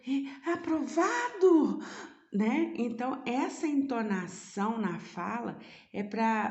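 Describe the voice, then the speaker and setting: A woman's voice: fairly high pitch, darkish tone, reverberant. A woman teacher explaining a lesson remotely, asking her students rhetorical questions as she goes.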